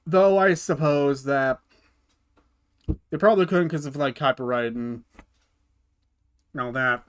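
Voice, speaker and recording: This man's mid-range voice is smooth and unhurried. Hosting his gaming channel, he explains a car build in an easygoing tutorial voice-over, often breaking off to start again and repeating himself.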